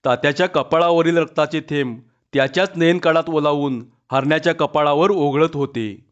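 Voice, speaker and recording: A man reading a rural village story aloud in a steady, expressive narration. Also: on the high side, normal speed. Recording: muffled lo-fi recording.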